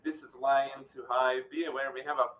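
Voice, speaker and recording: Halting man calling over a radio. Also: mid-range voice, level tone. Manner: halting, with frequent "uh" fillers. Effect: heard over a game radio. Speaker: ground commander in a military game. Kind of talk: radio procedure callouts. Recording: muffled radio with faint hiss.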